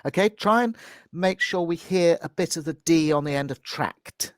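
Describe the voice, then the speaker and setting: A man's voice: on the high side, moderate pace, dry recording, clean studio sound. A man with a modern British accent coaching pronunciation one to one, instructive and encouraging, demonstrating sounds carefully.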